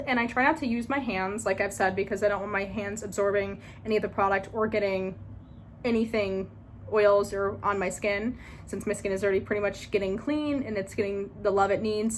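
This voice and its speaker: A woman's voice: mid-range voice, a little hiss or hum. A woman in her twenties, chatting casually through a skincare tutorial, rambling a little with fillers and small laughs. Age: 20s. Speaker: beauty vlogger.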